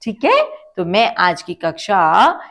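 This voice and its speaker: A woman's voice: medium pitch, huge pitch swings, fairly bright tone. A woman teacher giving a children's phonics lesson, stretching out syllables and asking the kids to repeat words. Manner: slow, drawn-out syllables, asks children to repeat.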